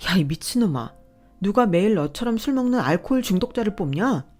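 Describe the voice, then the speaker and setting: A woman voicing an angry wife who yells and hurls insults at her husband. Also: mid-range voice, big pitch swings, normal speed, soft background music, pitched above the performer's own voice. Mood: scornful. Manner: yelling, scolding, sharp insults. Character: furious wife, adult woman, fed up.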